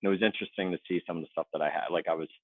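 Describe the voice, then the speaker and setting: A man in his forties from the Philadelphia suburbs, chatting casually as an interview guest in a relaxed, rambling, self-deprecating way over a remote call. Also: deep voice, very fast, no room sound. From Philadelphia suburbs, USA. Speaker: guest, Navy veteran. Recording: tinny phone-like dry line.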